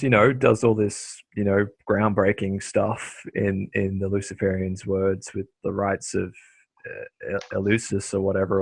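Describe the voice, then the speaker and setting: A man's voice: on the low side, vocal fry, no echo. A man hosting a casual interview, rambling along with lots of fillers and restarts. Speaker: host.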